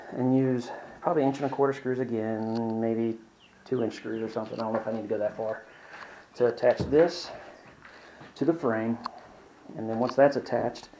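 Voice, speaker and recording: In a rough handheld recording with a little hiss or hum, a young man with a medium-pitched, dark voice chats as he builds in a hot workshop. The woodworking vlogger rambles breathlessly, runs himself down, and swears when he gets frustrated.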